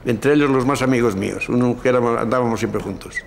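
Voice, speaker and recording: A man's voice: mid-range voice, fast, gravelly. An older man with an accent from Spain gives spontaneous testimony, telling it anecdotally, repeating words and acting out remembered dialogue. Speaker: former political prisoner, eyewitness. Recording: long reverb, faint background noise.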